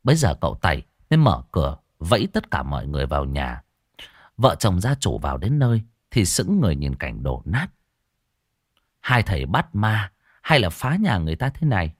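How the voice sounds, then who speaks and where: A man's voice: low-pitched, no room sound, studio quality. A man narrating a ghost story with vivid, dramatic telling.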